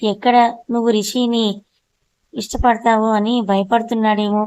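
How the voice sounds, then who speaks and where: Woman narrator, fairly high voice, flat even delivery, audiobook reading. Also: moderate pace, no echo. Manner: reads every character in her own voice, steady and clear. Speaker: storyteller.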